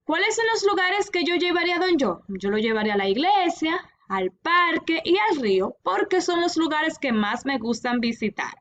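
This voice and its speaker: High-voiced woman teaching children. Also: very animated, a bit bright, dull audio. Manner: patient, repeats instructions slowly and clearly. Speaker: primary school teacher. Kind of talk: recorded remote class explanation.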